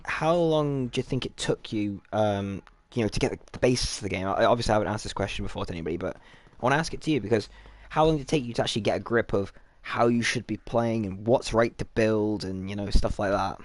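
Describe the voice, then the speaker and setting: A man's voice: on the low side, fast, hardly any pauses, dry recording. A man hosting a casual gaming podcast interview, chatting in an informal, jokey manner. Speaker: podcast host.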